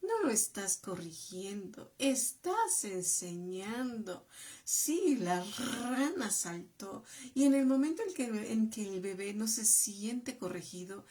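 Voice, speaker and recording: Slow, emphatic woman giving parenting advice. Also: mid-range voice, very animated, warm tone. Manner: slow and emphatic, repeats phrases, drops to a whisper for stress. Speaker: parenting educator and channel host. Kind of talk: parenting advice talk to the camera.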